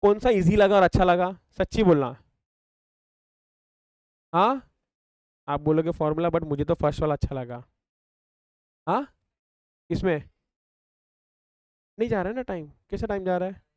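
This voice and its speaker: A man's voice: sits high, normal speed, pauses often, a little mellow, dry recording. A young man with an Indian accent teaching a math lesson, mixing Hindi and English and asking his class questions that he answers himself. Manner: talks over calculator steps, counting terms aloud. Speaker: math tutor.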